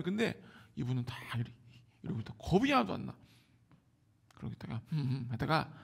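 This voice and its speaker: Gravelly-voiced Korean pastor preaching with fervor. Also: male voice, on the high side. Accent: Seoul Korean. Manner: lively preaching, swings from hushed whispers to loud exclamations. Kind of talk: Sunday sermon.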